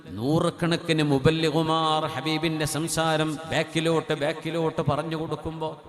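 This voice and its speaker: A man preaching with a somewhat high voice that rings out in a long echoing hall. He sings drawn-out Arabic lines, then drops to near-whispered storytelling before surging back up. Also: level tone. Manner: sings Arabic phrases in a drawn-out chant, swings from loud cries to hushed storytelling. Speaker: Islamic preacher. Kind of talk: Malayalam religious speech.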